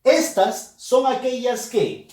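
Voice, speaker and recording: Animated man teaching a grammar lesson. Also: very high-pitched, slow, roomy sound. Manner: emphatic, addresses students directly. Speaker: language teacher.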